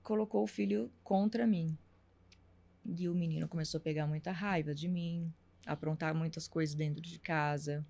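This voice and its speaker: A woman's voice: low-pitched, steady tone, moderate pace, gravelly, warm tone. A middle-aged woman, telling a personal story as a talk show guest and acting out the dialogue. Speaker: interview guest.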